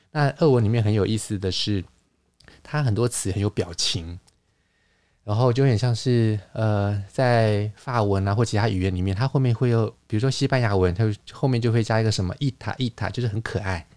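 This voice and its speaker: A man with a fairly low voice talks through ideas at an easy, teacherly pace, pausing on fillers and correcting himself mid-word. The sound is dry and close, with no room around it. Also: darkish tone, dry recording. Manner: explanatory, lecturing with fillers and restarts. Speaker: podcast host, wine lecturer. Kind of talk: casual conversational podcast.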